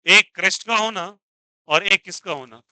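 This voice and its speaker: A male physics teacher with a fairly high, very bright and crisp voice, recorded close and dry. He lectures in a mix of Hindi and English, firing questions at his students and supplying the answers himself. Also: moderate pace, no echo. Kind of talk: classroom lecture.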